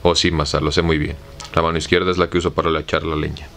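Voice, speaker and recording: A fearful, simple servant, read by a man with a Mexican accent in a deep voice that barely rises or falls. The lines come slow and plain. Faint noise sits behind him. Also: little pitch movement, vocal fry, fairly bright tone, exaggerated voice. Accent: Mexican Spanish. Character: simple fearful male servant climbing a tree.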